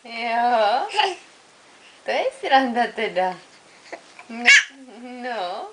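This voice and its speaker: A woman's voice: a little high, lively intonation, very noisy. A woman talking baby talk to an infant, coaxing him with sing-song questions.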